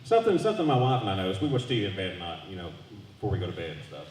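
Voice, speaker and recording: A man's voice: deep voice, very fast, a little hiss or hum. A man doing a loose, profane stand-up set. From Southern US. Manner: loose, profane storytelling with animated voice jumps. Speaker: stand-up comedian. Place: brewery comedy showcase stage. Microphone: handheld stage microphone. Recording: echoey room from far off.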